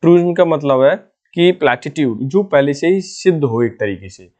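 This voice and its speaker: A man's voice: fairly high pitch, animated, normal speed, a little mellow. A man teaching exam vocabulary in an easygoing way, patiently explaining each word and checking in with his students again and again. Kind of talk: exam-prep lesson in casual Hindi.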